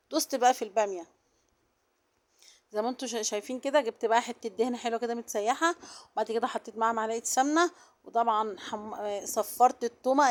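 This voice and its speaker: A woman with an Egyptian Arabic accent and a soft, low-volume voice, chatting directly to viewers in a casual vlog. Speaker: vlogger.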